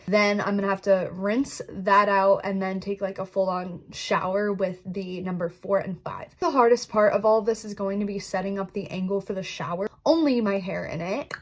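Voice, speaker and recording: Chatty young woman vlogging at home. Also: medium pitch. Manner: chatty, says "like" a lot. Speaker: influencer vlogger. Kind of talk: casual vlog narration. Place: home, bedroom and bathroom.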